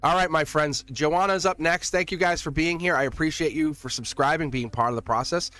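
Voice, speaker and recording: A man with a Boston accent hosting a casual live tarot reading, chatting to viewers in an excitable, chummy, slangy way. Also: fairly high pitch, brisk, no echo, soft background music. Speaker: tarot reader and livestream host.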